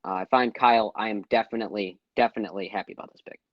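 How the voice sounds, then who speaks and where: A man's voice: lowish voice, fairly even intonation, rapid-fire, no echo. A man on a panel giving confident, enthusiastic opinions in casual talk. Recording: dull lo-fi mic.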